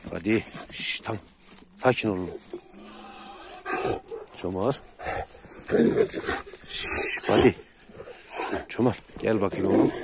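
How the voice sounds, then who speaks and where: A man vlogging outdoors near a valley, calmly coaxing and commanding his dogs with short soothing words. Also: lowish voice. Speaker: dog owner vlogger. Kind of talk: casual outdoor vlog. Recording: noisy outdoor recording. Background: dogs barking.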